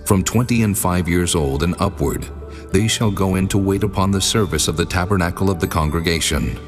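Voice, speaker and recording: A man voicing God in a dramatized scripture recording, solemn and commanding, with stately measured pronouncements in heavy reverb. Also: sits low. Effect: long reverb. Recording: long cavernous reverb, music underneath.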